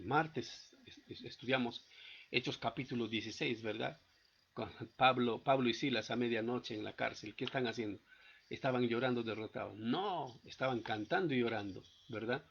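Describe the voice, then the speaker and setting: A man delivers a sermon in a gravelly, somewhat husky voice, regularly checking in with his listeners through quick rhetorical questions. The recording is dull and lo-fi, with the top end muffled. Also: medium pitch, a bit bright. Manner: asks the congregation frequent rhetorical check-in questions. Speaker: preacher.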